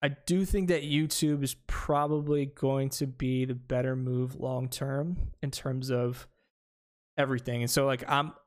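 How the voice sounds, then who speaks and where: A man talks loosely in a casual podcast conversation, his pitch sitting right in the middle of the usual range. He rambles, trips over his own words, restarts sentences and fills the gaps with "like" and "um". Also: steady tone, a little slow. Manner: rambling, many fillers and restarts. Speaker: small streamer.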